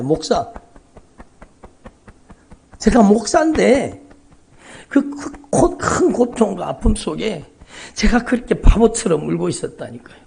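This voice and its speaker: Male Korean pastor, high husky voice, dramatic sermon storytelling that drops to whispers. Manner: dramatic storytelling with swings between loud cries and hushed whispers. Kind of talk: emotional sermon testimony. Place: large church sanctuary.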